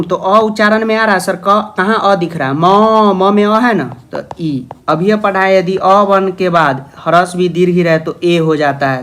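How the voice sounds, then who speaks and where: A man's voice: on the high side, fairly bright tone. A man teaching a grammar lesson, coaxing his students along, calling them "babu" and posing their questions himself before answering. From India. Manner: coaxing, calls listeners "babu". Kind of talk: classroom-style grammar lesson.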